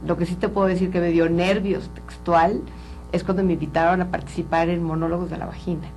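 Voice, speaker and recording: A woman's voice: on the low side, level tone, a little fast, a little mellow, faint music behind, low-quality recording. A woman from Colombia, a psychologist speaking earnestly and openly as an interview guest. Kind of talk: candid interview talk.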